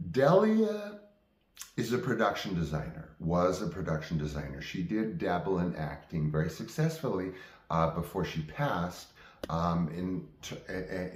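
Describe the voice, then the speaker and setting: A man in his fifties reminisces casually as a vlog host, halting and digressing as he goes. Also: low-pitched. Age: 50s. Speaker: vlog host telling personal stories. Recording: roomy, echoing sound.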